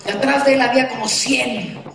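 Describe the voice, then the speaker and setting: A woman preaching a sermon, telling a story animatedly with shouts and stammered repeats. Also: high-pitched, fairly even intonation, fairly quick, gravelly. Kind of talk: sermon with testimony. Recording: echoey hall, crowd and noise behind.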